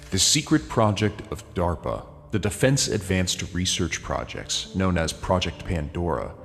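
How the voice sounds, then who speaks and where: A man narrating a script in a disguised, artificially deepened voice, reading facts and lists in a steady, deliberate way. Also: in a large hall.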